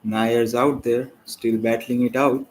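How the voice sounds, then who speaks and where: A man hosting a live cricket watchalong, rambling and chatty with slang and sudden excited bursts over the play. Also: medium pitch, takes it slowly, slight background noise, low-quality recording. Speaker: watchalong host. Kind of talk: casual live cricket commentary.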